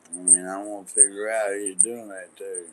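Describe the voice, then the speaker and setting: A man's voice: low voice, level tone, normal speed, a little hiss or hum. A man rambling in casual late-night talk, slangy and profane, repeating himself and drifting from thought to thought.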